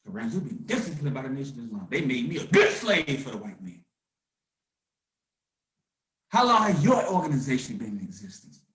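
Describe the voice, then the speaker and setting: A man's voice: mid-range voice, fast, recorded from a distance. Fiery man, roomy echo. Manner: fiery, swinging from shouting to hushed calm. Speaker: host of a conference call. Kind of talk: impassioned activist talk.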